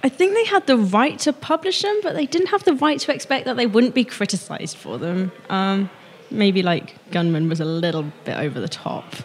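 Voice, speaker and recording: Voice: medium pitch, lively intonation, normal speed, long reverb tail. A young student giving blunt, frank, casual answers to street questions. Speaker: student interviewee. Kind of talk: casual vox-pop answers.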